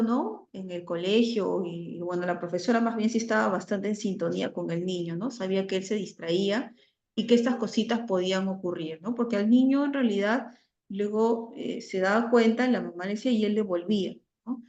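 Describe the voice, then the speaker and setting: A woman's voice: medium pitch, moderate pace, a little mellow. Woman, online class lecturer, hesitant tag-heavy delivery, roomy dull recording. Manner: frequent "¿no?" tags and hesitations.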